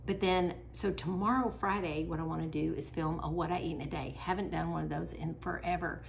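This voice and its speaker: A woman's voice: sits low, steady tone, a little fast, vocal fry, a little hiss or hum. A middle-aged woman, chatting casually as a cooking vlog host, laughing and searching for words. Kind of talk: casual chat.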